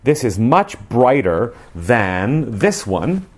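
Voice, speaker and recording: Slow and a little mellow, the medium-pitched voice of a radio review show host in his forties rises and falls in big swings. He presents a casual, emphatic, chatty review to camera, miked with a lapel mic in a small indoor living room.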